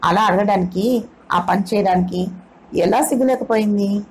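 A woman voicing a proud, quick-tempered young woman in an audio novel, speaking fast and heatedly. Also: mid-range voice, darkish tone, husky, poor audio. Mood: indignant.

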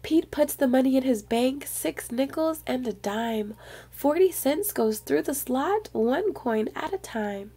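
With a mellow, distinctly breathy voice that is fairly high and very soft around the edges, a woman shares a picture book with young kids. She tells the story expressively, talking right to her little audience, and never hurries.

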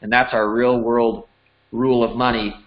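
A man's voice: mid-range voice, level tone, moderate pace. Man explaining money math plainly. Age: 40s. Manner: plain, conversational, works through numbers step by step. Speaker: financial educator. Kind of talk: explanatory lesson over slides. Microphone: voice-over. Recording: slightly dull lo-fi audio.

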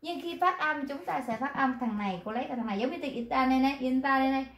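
High-voiced teacher. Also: female voice. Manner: patient, repeats words slowly to model them. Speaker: Korean language teacher. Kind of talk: explaining pronunciation in an online class. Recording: roomy echo.

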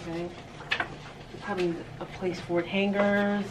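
A woman's voice: mid-range voice, little pitch movement, a little slow, background noise. A woman co-hosting a thrift video, chatting casually and joking while packing orders. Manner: joking, laughing, swears casually. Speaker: co-host of a thrift channel.

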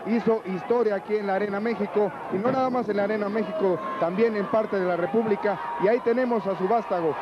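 A Mexican man offers conversational wrestling analysis in a high voice. The old TV sound is muffled, with crowd and noise clearly audible behind. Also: steady tone, quick pace, few pauses. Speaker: lucha libre colour commentator. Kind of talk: conversational live sports commentary.

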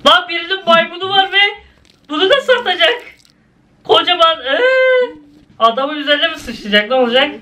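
A man's voice: moderate pace, pushed and bright. A young man casually commenting as he reacts to cartoon clips, often exclaiming and laughing. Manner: exclaiming, laughing, swings between high and low.

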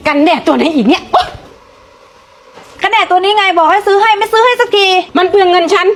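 Young woman, very high voice, fast, brash, scolding, skit acting. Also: expressive. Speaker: skit performer.

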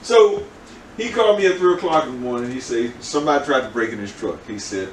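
A man's voice: medium pitch, expressive, fast, far from the mic, a little hiss or hum. Older man preaching casually. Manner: rambling, conversational preaching with repeated words and laughs. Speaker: pastor. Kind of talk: sermon. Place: church. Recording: echoey room, from the mic.

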